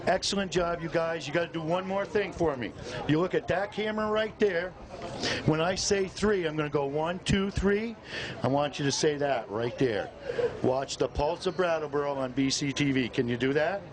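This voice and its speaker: A man doing upbeat street interviews for community TV, warmly encouraging the children he talks to. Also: fairly high pitch, normal speed. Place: busy outdoor street event. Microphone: recorder set on the ground. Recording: loud crowd chatter outdoors. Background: loud crowd and passing traffic.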